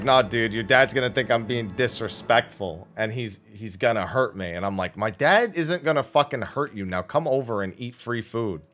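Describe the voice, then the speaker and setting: With a lowish voice, a livestream host chats casually, acting out dialogue while telling lively, profanity-laced anecdotes.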